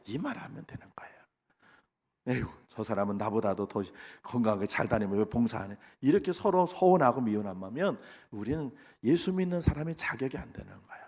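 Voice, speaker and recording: A middle-aged male pastor preaching a sermon, animated, swinging between loud exhortation and soft asides. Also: medium pitch, breathy edge. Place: large church sanctuary. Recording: long reverb of a large hall.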